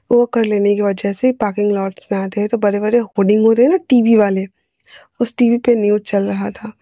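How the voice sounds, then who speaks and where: A woman narrating her own story in a casual, chatty way. Her voice is husky and gravelly with a dark tone. The close mic makes the sound dry. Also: mid-range voice, dry recording, muffled recording. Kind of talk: reading her own fanfiction aloud.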